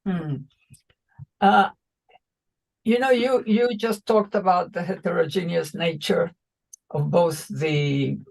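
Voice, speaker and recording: High-voiced male panel interviewer, creaky and thoughtful, asking probing questions. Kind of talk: academic conversation.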